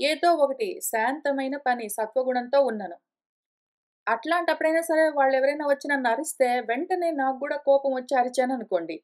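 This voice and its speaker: High-voiced woman explaining scripture patiently. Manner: patient, explains step by step with everyday examples. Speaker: teacher of scripture study. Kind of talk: explanatory lecture. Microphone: conference call line.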